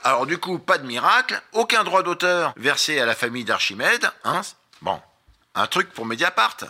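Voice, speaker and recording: A man's voice: fairly high pitch, very animated, moderate pace, sharp tone, soft background music. A man hosting a scripted radio chronicle, reading facts and dropping jokey asides in a playful tone. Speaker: radio show host.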